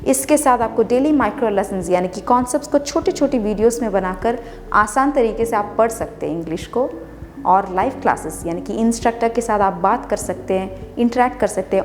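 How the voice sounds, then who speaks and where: A woman's voice: mid-range voice, fairly quick, slight background noise. A woman explaining English words in Hindi, spelling them out letter by letter and repeating each one patiently. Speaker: English teacher. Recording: long reverb with music behind.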